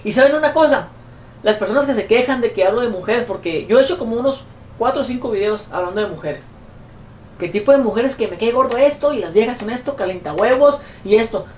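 A man's voice: lively intonation, fast. A man with a Mexican accent, a YouTuber answering fan questions in a profane, mocking comic rant. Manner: profane, mocking, shrill put-on voices when quoting. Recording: roomy echo, distant mic, faint noise.

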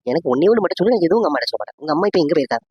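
Woman doing a low-voiced nosy auntie from a cartoon, coaxing gossip out of a kid, fast talker. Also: sing-song, husky, no echo, lo-fi sound, exaggerated voice. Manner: prying, coaxing.

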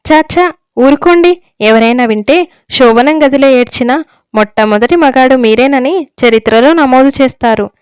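A shy young bride with a teasing, coaxing way of asking for things. A woman plays her in a storybook reading, her voice a bit high and very clear. It is recorded close with no room around it. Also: moderate pace, dry recording, natural voice. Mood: fond. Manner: coy, gently coaxing.

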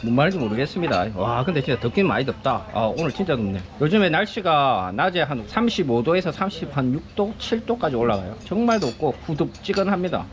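A man's voice: a little high, big pitch swings, brisk, hardly any pauses. A middle-aged man from South Korea chatting casually as a vlogger, rambling and often muttering to himself. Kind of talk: casual vlog chat and narration. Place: busy rural family home in Cambodia. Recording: muffled, crowd chatter around.

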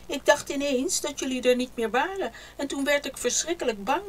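A woman voicing a kind, warm-hearted male hare who talks high and eagerly in a storybook reading. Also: a little fast, far from the mic, slight background noise, natural voice. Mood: reassuring.

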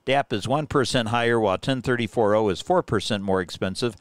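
A man hosting a farm radio show, reading market prices and news in a brisk announcer delivery. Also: medium pitch, no echo.

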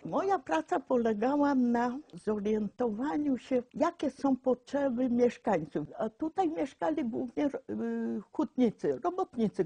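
Husky, mellow-voiced elderly woman telling stories. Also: fairly high pitch, dry recording. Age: 80s. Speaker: local resident being interviewed. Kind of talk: informal personal storytelling. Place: small cluttered room indoors.

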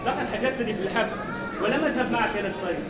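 A man's voice: very high voice, very fast, a loud crowd. A man in his thirties narrating and acting a story theatrically, projecting from a stage. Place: large indoor hall on a stage. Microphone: far camera in the audience. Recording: echoey hall from far off, music, audience noise.

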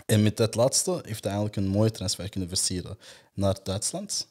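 A man, hosting a casual football podcast and reading player facts in a steady, matter-of-fact way. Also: fairly low pitch, normal speed.

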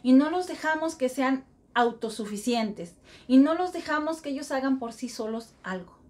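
A woman's voice: high voice, animated, moderate pace, a little mellow. A middle-aged woman giving an earnest spiritual self-help talk, repeating mantras and acting out everyday inner voices.

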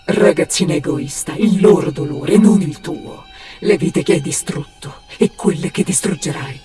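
A woman's voice: medium pitch, wildly swooping pitch, moderate pace, warm tone. A woman voicing a cruel nightmare apparition in a video game, hissing cold, menacing accusations. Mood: cold contempt. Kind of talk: dramatic video game acting. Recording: echoing, distant voice under music.

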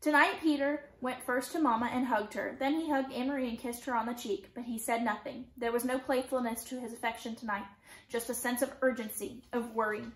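A woman teacher reads a novel aloud, keeping a steady, gentle storytelling pace. Her voice sits a little high. The recording has a roomy echo. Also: fairly quick, slight background noise.

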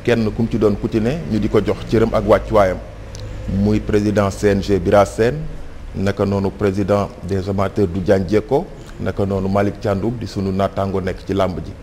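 A man's voice: lowish voice, little pitch movement, normal speed, mellow, slight background noise. A young man, a TV pundit giving formal, flowing greetings on a talk show. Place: TV studio set.

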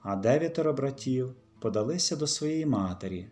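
A man narrating a folk tale for children in an expressive storytelling manner, slowing down at the dramatic moments. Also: mid-range voice. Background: faint guitar music.

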